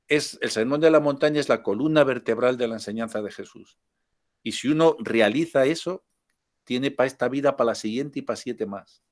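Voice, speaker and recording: Older spanish guy teaching spiritual stuff, chatty, jokey, mid pitch. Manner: chatty, jokey, with frequent laughs and asides. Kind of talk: informal spiritual talk.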